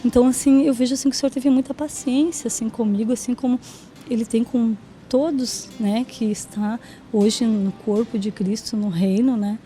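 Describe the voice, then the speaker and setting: A woman's voice: fairly high pitch, fairly even intonation, moderate pace, mellow, faint music behind. A woman giving a personal faith testimony in a chatty way, often acting out what people said and tagging her sentences with little questions. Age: adult, mother of two daughters. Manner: chatty, acts out quoted dialogue, frequent "né?" and "sabe?".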